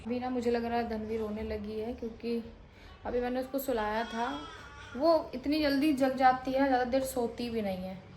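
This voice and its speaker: High-voiced young mother vlogging at home. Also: moderate pace, a little mellow. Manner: coaxing, scolding, talks to children and viewers. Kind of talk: casual home vlog. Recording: noisy home recording.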